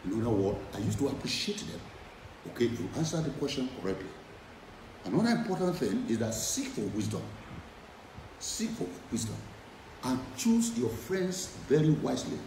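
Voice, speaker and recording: A man's voice: medium pitch, sing-song, moderate pace, darkish tone, echoey room, far from the mic, a little hiss or hum, rough recording. A middle-aged man preaching a sermon, emphatic and repeating his key phrases over and over. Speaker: preacher and former lecturer.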